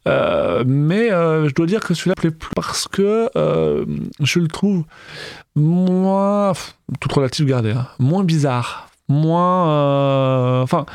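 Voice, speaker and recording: A man co-hosting a casual film discussion, speaking haltingly as he searches for words. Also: a little high, sing-song, a little mellow, clean tone, no room sound, clean studio sound. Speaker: film discussion podcast co-host. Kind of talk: casual film review chat.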